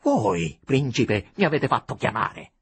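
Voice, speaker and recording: A man voicing a flustered gentleman, half defiant and half apologetic. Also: extremely high pitch, wildly swooping pitch, slow pace, no room sound, pitched above the performer's own voice, heavily acted. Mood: defensive.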